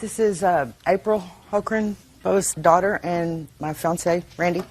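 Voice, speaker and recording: A woman's voice: fairly low pitch, a little slow, darkish tone. A woman testifying as a plaintiff in TV court, plain and matter-of-fact. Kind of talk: answering a judge's questions.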